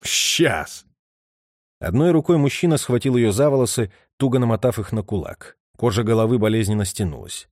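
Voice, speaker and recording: A man reading a story aloud as a narrator, in an expressive storytelling manner. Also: mid-range voice, quick pace, few pauses, dry recording, clean studio sound. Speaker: audiobook narrator. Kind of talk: scripted narration.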